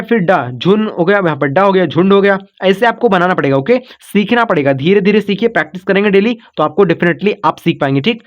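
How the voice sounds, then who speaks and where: A man's voice: high-pitched, highs cut off. A man teaching an online spelling lesson, patiently breaking words into syllables, repeating himself often and checking in with his students. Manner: calls listeners "kids" and "brother", checks in with "okay".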